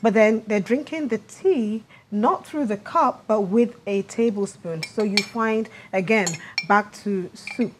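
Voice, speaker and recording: A woman's voice: mid-range voice, a little slow, few pauses, noisy background. Woman etiquette coach giving instructive advice. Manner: instructive, advising in dos and don'ts. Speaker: etiquette coach, guest expert. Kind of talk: conversational TV lifestyle demonstration.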